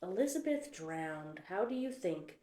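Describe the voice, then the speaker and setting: A low, unhurried caretaker of a ghost town, played by a woman greets her ghosts with patient, dry calm. Puppet stage play. The voice sits in a roomy echo. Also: slight background noise. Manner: mild, patient, gently dry hosting.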